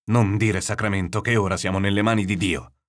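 Man doing old fisherman grandfather, gruff, stern, pious, commanding, low voice, storybook reading. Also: fairly even intonation, a little fast, close to an everyday voice. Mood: urgent commands.

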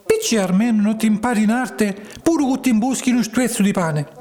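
Storybook cricket, male, old and wise, a man doing it high-pitched and calm. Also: soft background music, lightly acted. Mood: calm lecturing. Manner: slow, calm, lecturing. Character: calm old talking cricket, patient and preachy.

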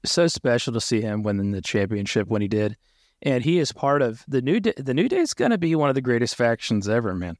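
A man's voice: medium pitch, sing-song, fairly quick, no echo, studio quality. A man co-hosting a wrestling podcast, enthusiastic, reading out title history in casual chat. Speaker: podcast co-host.

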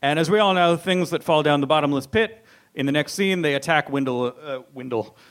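A man's voice: a little high, brisk, a bit bright. A man hosting a casual, comedic film recap chat in a wry, jokey manner, often laughing as he talks. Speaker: podcast host recapping a film.

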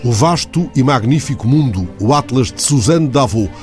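Male radio presenter, announcement read, soft music bed. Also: medium pitch, animated, normal speed. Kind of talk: scripted program announcement.

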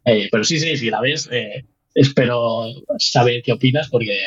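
Husky Spanish man, lively guest chat. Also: mid-range voice, moderate pace, lo-fi sound. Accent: Spain Spanish. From Spain. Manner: animated, laughs often, many restarts. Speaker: guest researcher. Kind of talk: casual interview chat.

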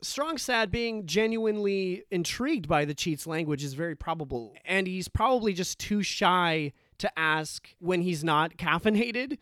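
A man with a high, very animated voice co-hosts a podcast in relaxed chat. He explains things as he goes and thinks aloud with restarts. The recording is dry and close. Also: a little slow, few pauses, no echo. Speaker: podcast co-host. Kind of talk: casual chat.

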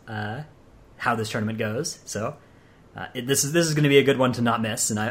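A man hosting a podcast, chatting casually with lots of hesitations and fillers. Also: medium pitch. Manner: rambling, hesitant with many fillers. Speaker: podcast host.

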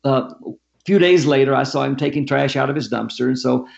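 A man's voice: medium pitch, a little fast, creaky, lo-fi sound. An older man, a guest author, telling a story in an interview and acting out the people in it. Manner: animated storyteller who acts out quotes.

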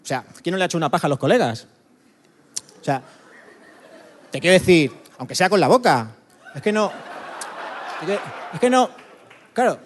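A man from doing a stand-up monologue, punchy and chatty with quick asides to the crowd. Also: on the high side, lively intonation, in a large hall, slight background noise. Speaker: stand-up comedian.

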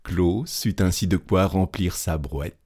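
A man narrating a folk tale in a measured, expressive storybook reading. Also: low voice, slightly rough.

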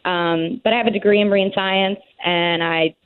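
A woman's voice: mid-range voice, fairly even intonation, normal speed, smooth. Young woman on a tinny phone line. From Maryland, United States. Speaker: caller, aquarium scuba diver. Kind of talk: casual phone chat.

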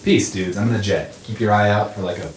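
A man's voice: on the low side, a little fast, lightly acted. A man playing a laid-back, bodiless, staticky figure who talks in casual slang. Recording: roomy echo with faint hiss.

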